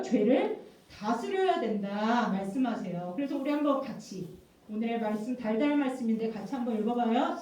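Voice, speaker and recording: A woman pastor giving a lively children's sermon, coaxing the kids with questions and repeating key words. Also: high-pitched, far from the mic. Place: church worship room. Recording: very echoey room, voice from off-mic, dull sound.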